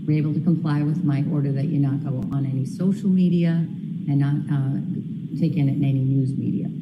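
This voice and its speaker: Low-voiced woman judge in an echoey courtroom. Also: fairly even intonation, brisk, muffled recording. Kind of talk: courtroom address. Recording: echoey courtroom with clear background noise.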